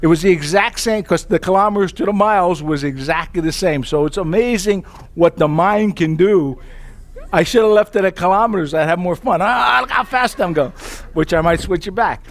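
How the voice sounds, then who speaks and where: A man giving a live sales pitch, telling chatty stories and asking the audience rhetorical questions. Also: fairly quick. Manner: acts out his own past thoughts in quoted asides. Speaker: sales presenter.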